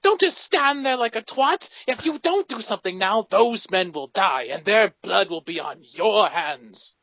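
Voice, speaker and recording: A man's voice: sits high, animated, a little slow, dry recording, heavily acted. A man voicing a male adventurer who pleads and scolds in an exasperated, theatrical way, recorded on dull, dry lo-fi sound. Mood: urgent. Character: indignant pleading male adventurer, fast talker.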